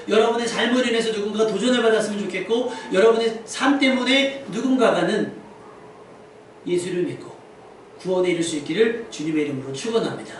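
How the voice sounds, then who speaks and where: A pastor with a high male voice preaches at an indoor church service, asking the congregation questions and repeating key phrases to drive them home. The distant mic catches heavy echo in the church hall along with faint noise.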